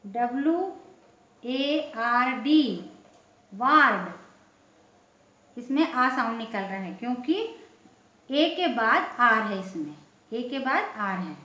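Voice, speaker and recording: Slow, patient woman teacher. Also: on the high side, expressive, fairly bright tone, reverberant, lo-fi sound. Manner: slow, spells letter by letter, asks and answers her own questions. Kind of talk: spelling and pronunciation lesson.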